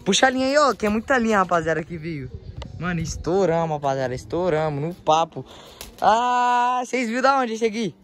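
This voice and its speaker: A young man from Brazil speaks in a São Paulo accent, vlogging casually on a handheld phone outside. His talk is slangy and excitable, addressed to viewers and the people around him. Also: sits high, fairly quick. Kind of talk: casual vlog chat. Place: outdoors in a residential yard. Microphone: handheld phone, held by the speaker.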